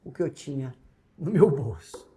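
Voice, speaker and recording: A man with a Brazilian Portuguese accent, a pastor telling a personal testimony in an interview, acting out the dialogue and swinging between loud and hushed. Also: a little high, sing-song, normal speed.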